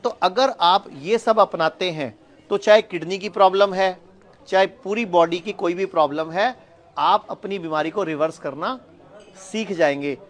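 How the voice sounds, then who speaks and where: A man's voice: high voice, normal speed. A man giving an explanatory health talk to the camera from a hospital campus, restating each point in simpler words. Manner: explanatory, repeats points with "yani ki". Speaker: health speaker.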